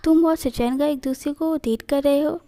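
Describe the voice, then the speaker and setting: Brief: a woman doing a cheerful, teasing young guy, slightly high and mellow. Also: fairly even intonation, moderate pace. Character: young man, playful, pouting, cheerful.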